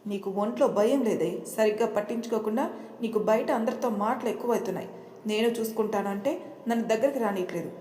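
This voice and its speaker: A woman voicing a harsh, jealous elder sister who threatens and shouts in an audio story. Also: medium pitch, fairly quick, slight background noise, natural voice. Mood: furious. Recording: roomy echo.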